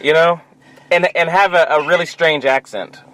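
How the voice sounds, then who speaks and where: Man, jokey co-host, laughs at his own jokes, slightly high voice. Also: steady tone, moderate pace, bright, forceful tone, poor audio. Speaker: podcast co-host. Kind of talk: casual chat.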